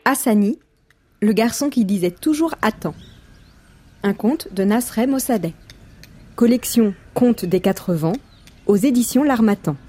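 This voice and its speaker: A woman storyteller reading a folk tale aloud in scripted narration, lively and expressive, with voices for the characters. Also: fairly high pitch, measured pace, pauses often, faint music behind.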